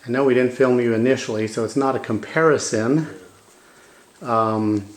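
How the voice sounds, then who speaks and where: Calm male therapist explaining a demonstration. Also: medium pitch, moderate pace, poor audio. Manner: calm, explanatory, speaks gently to the patient. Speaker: manual physical therapist. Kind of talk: clinical demonstration. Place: treatment room.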